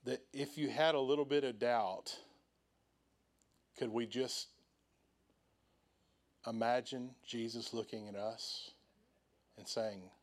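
A middle-aged man, a pastor preaching a sermon in church, animated and acting out quoted voices with swings in loudness. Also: mid-range voice, slow, pauses often.

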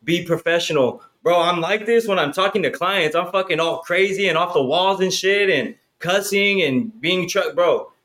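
A man's voice: high voice, normal speed, few pauses, a bit bright. A man in his thirties talking in a casual chat, profane and hyped, filling his talk with "bro" and "right?". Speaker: podcast guest.

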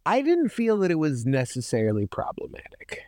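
A man's voice: wildly swooping pitch, moderate pace, mellow, no room sound, studio quality. A man co-hosting a casual film podcast, chatty and full of fillers. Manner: wide-swinging pitch, chatty with fillers. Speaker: podcast co-host.

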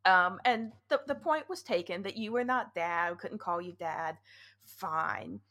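A woman's voice: fairly low pitch, measured pace, bright, forceful tone. A woman in her thirties co-hosting a podcast, telling stories in a casual chat and laughing often. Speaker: podcast co-host.

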